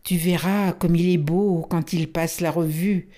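A woman's voice: fairly low pitch, steady tone, measured pace, dark tone, natural voice. A woman voicing an eager young male elephant calf in a storybook, earnest and admiring.

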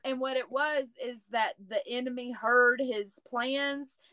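Bright, slightly high female podcast co-host, an animated storyteller. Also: a little slow. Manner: animated, tells stories. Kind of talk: casual storytelling.

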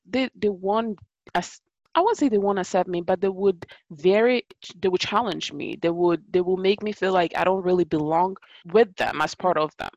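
Lively woman with a Ghanaian-Italian accent. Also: on the low side, moderate pace, no echo, dull audio. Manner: animated storyteller, acts out quotes. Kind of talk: casual conversation.

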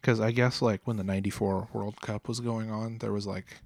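A man's voice: lowish voice, flat delivery, normal speed, gravelly, a little mellow, no echo, clean studio sound. A man in his forties co-hosting a podcast, chatting casually and rambling, swearing now and then. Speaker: podcast co-host. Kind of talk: casual chat.

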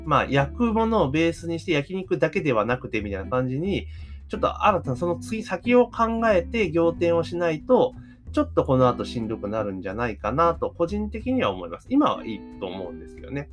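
A man's voice: a little high, a bit bright. A man hosting a solo podcast, talking casually and thinking aloud, with plenty of fillers and rhetorical questions. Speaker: podcast host.

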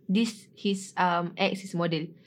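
A woman's voice: on the low side, fairly even intonation, slow pace. A woman with a Singaporean accent in a casual group chat, blunt and slangy, switching between languages as she talks.

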